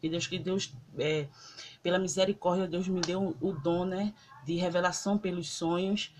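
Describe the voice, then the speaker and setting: A woman's voice: fairly low pitch, fairly even intonation, moderate pace, slight background noise. A Brazilian woman recording on her phone, emotionally recounting a dream in rambling casual speech full of fillers. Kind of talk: casual spoken testimony. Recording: loud guitar music behind the voice.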